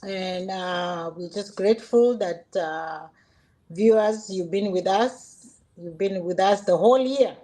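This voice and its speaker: Slow, hesitant woman hosting a session. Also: medium pitch, dark tone. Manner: hesitant, pausing often. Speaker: host. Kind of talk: unscripted thanking and sign-off to viewers.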